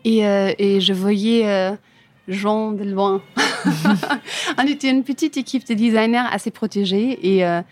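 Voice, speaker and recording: An unhurried woman of medium pitch, a native German speaker from Germany, talks casually about her career as a furniture designer in an interview. She answers in imperfect French with a German accent, often searching for words.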